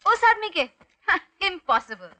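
A woman's voice: very high-pitched, big pitch swings, slow pace, sharp tone. A young woman acting in a Hindi film comedy, teasing and playful. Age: young adult.

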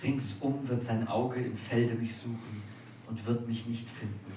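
A man's voice: high voice, fairly even intonation, very slow, recorded from a distance, voice pushed up. Despairing young lover, read by a man, pleading and anguished, heard from afar in an echoey dining room with faint noise. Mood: mournful. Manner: pleading, raised voice in calls. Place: restaurant at a live dinner reading.

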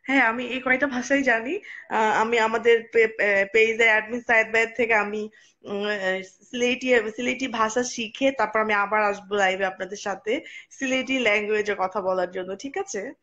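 A woman's voice: a little high, steady tone, normal speed, bright, forceful tone, lo-fi sound. A young woman, hosting a casual live stream and answering viewer comments with lots of hesitations. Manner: chatty, reads out names and answers comments with frequent hesitations.

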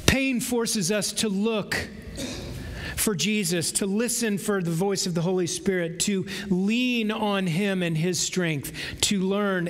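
A middle-aged male pastor delivers a sermon in a slow, deliberate cadence, his fairly high voice leaning hard on each key word. The sound carries a long church reverb with faint room noise underneath. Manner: slow, emphatic preaching with drawn-out pauses. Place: large church sanctuary with stage.

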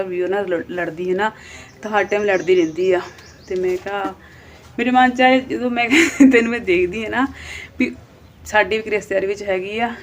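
A Punjabi woman in her thirties, a vlogger with a Punjabi accent, talks casually to her viewers in a plain-spoken, scolding manner. Her voice is medium-pitched and a little mellow, with slight background noise.

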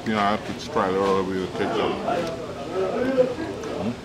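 Man, thirties, non-native English, lowish voice, halting food-vlog comments, chewing, crowded noisy deli. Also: flat delivery. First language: not English. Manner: slow, halting comments between bites, chewing sounds. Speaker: food vlogger. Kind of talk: eating vlog, casual remarks. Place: busy indoor deli restaurant. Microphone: camera on the table. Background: loud crowd chatter and dishes.

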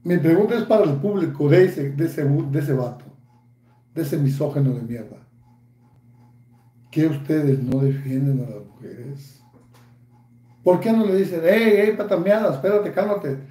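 A man's voice: on the high side, animated, a little slow, pauses often, mellow, roomy sound. A Mexican man in his fifties ranting angrily in a vlog, taunting and cursing constantly. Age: 50s. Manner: angry, profane, taunting. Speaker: YouTuber.

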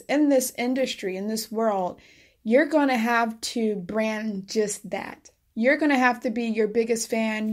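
Female host, a touch high-pitched, warmly affirming guest in casual interview. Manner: affirming, encouraging, frequent "yes" and "that's so good". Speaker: podcast host.

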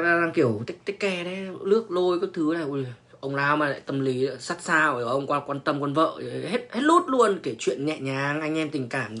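A man's voice: fairly high pitch, bright, forceful tone. A young man, telling a crude story in casual talk, swearing and stammering through repeated restarts. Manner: profane, repetitive stammering restarts, slangy. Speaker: online personality telling stories.

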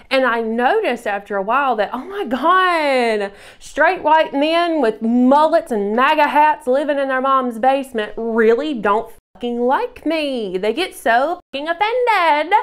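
A woman's voice: a little high, clear, resonant tone. A woman vlogger reading and answering hate comments in a casual rant, sarcastic, swearing freely and laughing often. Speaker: childfree YouTuber.

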